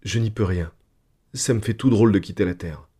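A weary, wistful mother, read by a man in a soft, sighing delivery. The voice stays quiet and mellow, with a low, dark warmth. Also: a little fast, husky.

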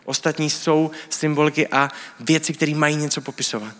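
Guy preaching, chatty explainer vibe, voice a bit high, big echoey church hall. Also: fairly even intonation, fairly bright tone. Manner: explanatory teaching tone with colloquial speech. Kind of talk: sermon. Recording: church hall with long reverb.

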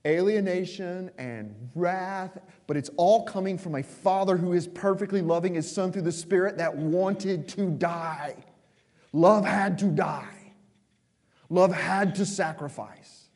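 A man preaching a sermon with passion, stressing words slowly and then rushing through quick asides. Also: high voice, a little mellow. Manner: impassioned, emphatic, swings between slow stresses and quick asides. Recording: long hall reverb.

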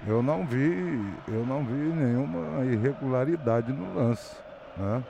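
A man analysing a live football match, halting and repeating words as he searches. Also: mid-range voice, creaky, muffled recording. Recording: faint outdoor urban noise.

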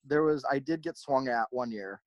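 A man's voice: mid-range voice, moderate pace, no echo. A man who runs a merchandise brand, telling stories in a casual interview and acting out the back-and-forth. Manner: animated, acts out quoted exchanges.

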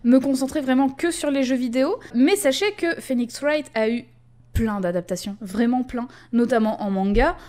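A woman's voice: sits high, normal speed, a little mellow. A woman hosting a podcast in casual chat, explaining at length with many fillers and asides. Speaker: podcast host.

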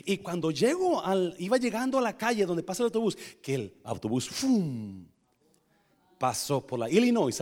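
Animated bilingual pastor, high lively voice. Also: male voice. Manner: animated storytelling, switching between Spanish and English; asks the congregation questions. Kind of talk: sermon with personal story.

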